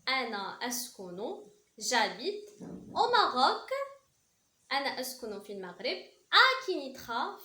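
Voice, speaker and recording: Moroccan woman teaching French, lively and high. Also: reverberant. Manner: slow, emphatic repetition of phrases, switching to quick asides. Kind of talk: language lesson for beginners.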